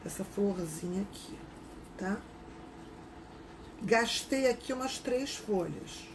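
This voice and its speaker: Speaking slowly at a medium pitch with lively intonation, a woman runs a live craft class, chatting casually and saying hello to viewers by name. She has a Rio de Janeiro Portuguese accent, and the background is noisy.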